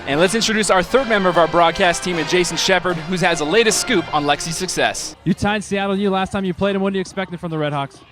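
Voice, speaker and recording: An American man hosting a sports broadcast as play-by-play announcer, with a warm, welcoming, polished delivery. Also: high-pitched, fast talker, hardly any pauses, music in the background.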